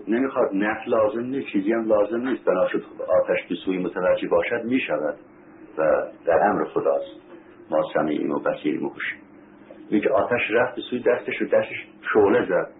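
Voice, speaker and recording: A man preaching a sermon as a story, repeating phrases for emphasis, asking his listeners rhetorical questions and reciting Arabic scripture. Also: low voice. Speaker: religious preacher. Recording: tinny phone-like recording with faint hiss.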